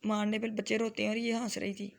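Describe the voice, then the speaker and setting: A woman with a Lahori Punjabi accent gives a chatty, homely voice-over for her family vlog. Her pitch stays almost perfectly level, and her voice has a gravelly, creaky edge. She drifts into Punjabi phrases as she goes. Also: level tone, fast talker. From Lahore, Pakistan. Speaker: family vlogger and mother. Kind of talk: casual vlog voice-over narration.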